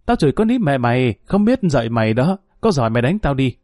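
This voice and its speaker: A man voicing a shrill, spiteful older village woman who screeches abuse. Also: sing-song, fast talker, darkish tone, no room sound, clean studio sound, faint music behind, lightly acted. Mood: shrieking abuse. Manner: screeching, abusive.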